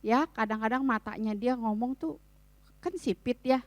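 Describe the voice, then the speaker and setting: Middle-aged woman, fairly high voice, dry close sound, chatty church seminar talk, playful humor. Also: moderate pace, dry recording. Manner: chatty, addresses the audience often, colloquial fillers. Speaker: family seminar speaker.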